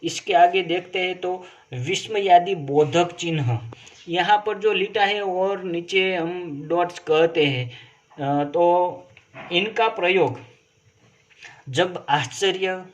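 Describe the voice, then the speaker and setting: A man, teaching a grammar lesson and slowly explaining each example, repeating his phrases. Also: sits high. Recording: dull lo-fi recording.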